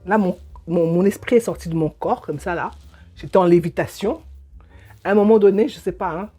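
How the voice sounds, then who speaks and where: A middle-aged woman, a divorce coach telling her own story and advising the listener in a colloquial, expressive way. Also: lowish voice, a little fast, breathy edge, soft background music. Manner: expressive, colloquial, acts out scenes. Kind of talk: personal story and advice to viewer.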